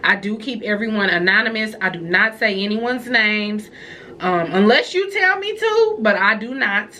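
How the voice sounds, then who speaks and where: Talking through a stuffy, nasal head cold, a young woman gives a relaxed advice vlog, reading viewer letters aloud and jumping in with chatty reactions. Her pitch sits in the middle for a woman, and she speaks at a moderate pace.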